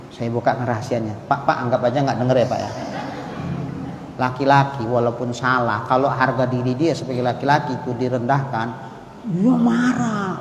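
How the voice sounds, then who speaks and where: Guy preaching, chatty then hushed, slightly high voice, big reverby hall. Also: a little hiss or hum. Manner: conversational, shifts to hushed prayer tones. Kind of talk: sermon to women. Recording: echoey hall with faint ambience.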